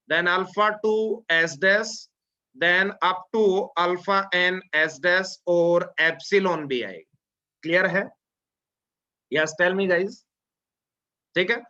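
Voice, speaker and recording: A man teaching an online class, drawling out formulas slowly and often checking that his students follow. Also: high-pitched, bright, forceful tone. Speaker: lecturer. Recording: dull lo-fi lecture audio.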